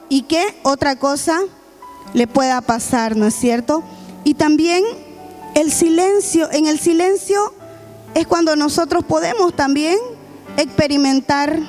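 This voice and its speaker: A woman's voice: sits high, a little mellow. A woman preaching a sermon, retelling a scripture story with acted-out quotes and calls to the congregation. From Bolivia. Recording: faint music behind.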